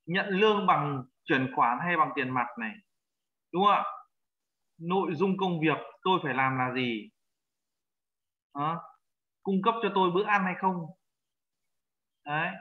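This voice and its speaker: A man teaching a language class, patiently repeating vocabulary words slowly for his students. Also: a little high, expressive, lo-fi sound. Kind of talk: language lesson.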